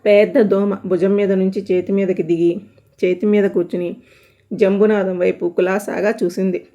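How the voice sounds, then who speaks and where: A woman storyteller reading a comic short story aloud in a steady, expressive way. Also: mid-range voice, normal speed.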